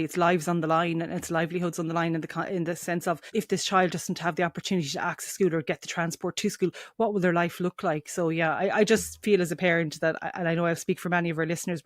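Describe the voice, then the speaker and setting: Female interviewer, west of Ireland accent, quick and earnest, higher-pitched, close dry sound. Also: dry recording. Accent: west of Ireland, Mayo. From County Mayo, Ireland. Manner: earnest, rambling, rephrases mid-sentence. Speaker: interviewer, host. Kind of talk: conversational interview.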